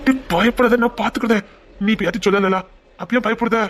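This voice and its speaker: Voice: medium pitch, fairly even intonation, quick pace, fairly bright tone, a little hiss or hum, lightly acted. An actor voicing a young village man, coaxing and reassuring his girlfriend. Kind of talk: amateur village drama.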